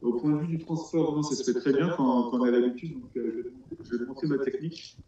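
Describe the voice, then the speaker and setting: A man's voice: medium pitch, fairly even intonation, fast talker, dark tone. A man from France, an amateur frog breeder, explaining his hobby in a casual interview, hesitant with many restarts. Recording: roomy, dull sound.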